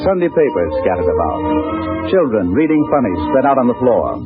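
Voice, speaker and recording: A man playing a solemn, patriotic 1940s narrator, declaiming in a measured, dramatic old newsreel style. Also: medium pitch, very animated, close to an everyday voice. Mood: solemn, stirring. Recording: muffled 1940s radio recording under loud music.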